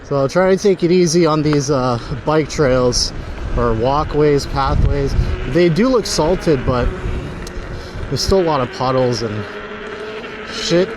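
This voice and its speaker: A man chats in a loose, rambling way as he rides through town, cursing offhandedly. His voice sits a little high for a man, captured close by a helmet mic. Wind and street noise from the ride run clearly underneath. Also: measured pace. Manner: rambling, loose, swears casually. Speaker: vlogger. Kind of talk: casual chat while riding. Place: outdoors on town paths.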